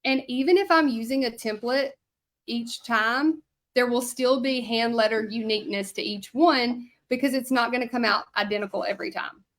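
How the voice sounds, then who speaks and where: A woman's voice: fairly high pitch, moderate pace. A woman in her thirties from Louisiana with a Southern accent, chatting to livestream viewers while teaching hand lettering. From Louisiana, USA. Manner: chatty, bubbly, talks to viewers while working. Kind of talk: casual livestream chat while demonstrating.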